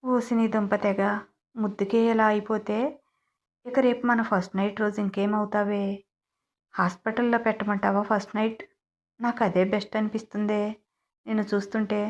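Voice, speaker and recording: A woman's voice: mid-range voice, little pitch movement, moderate pace, pauses often, lo-fi sound, close to an everyday voice. A woman voicing a brash, playful young groom who teases and insists. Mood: teasing. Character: bold teasing young man, newly married groom.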